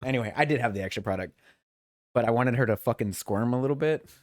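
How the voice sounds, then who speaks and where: A man with a mid-range voice chats quickly on a podcast he co-hosts, wandering through long anecdotes about his work week. He slips into coworkers' voices when quoting them. The studio sound is clean, without any room sound.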